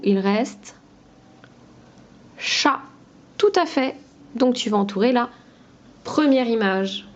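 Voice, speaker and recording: A woman teaching a phonics lesson to young children, talking slowly and patiently in a sing-song voice. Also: fairly high pitch.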